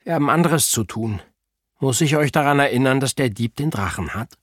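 A man's voice: mid-range voice, expressive, a little fast, dry recording, studio quality, voice pushed up, natural voice. A man voicing a cautious, stubborn schoolboy in a children's audiobook, insistent and worried. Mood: urgent.

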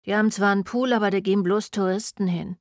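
A woman's voice: mid-range voice, fairly even intonation, fast, dry recording, studio quality, close to an everyday voice. A woman voicing a bored young student with a weary, matter-of-fact manner.

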